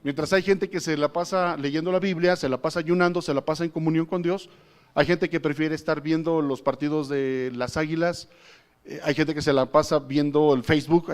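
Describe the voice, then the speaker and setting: A man preaching a sermon as pastor, retelling a testimony and rising to loud emphatic peaks. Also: fairly high pitch.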